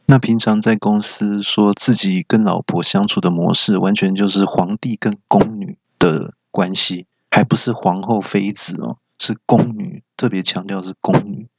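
A man hosting a comedy podcast, telling a joke monologue in a deadpan storytelling manner, recorded slightly dull and lo-fi. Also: on the low side, normal speed, gravelly, few pauses, breathy edge, no echo. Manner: deadpan storytelling, explains his own jokes. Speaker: stand-up comedy podcast host.

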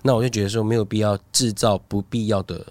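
A man hosting a casual podcast chat, lively and quick to act out little scenes. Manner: lively, acts out voices in a high squeal.

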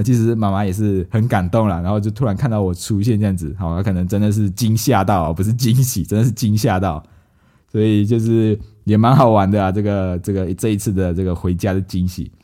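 A man, telling a story casually as a podcast host and acting out his family's lines. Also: on the low side. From Malaysia. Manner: lively anecdote-telling, acts out quoted family members.

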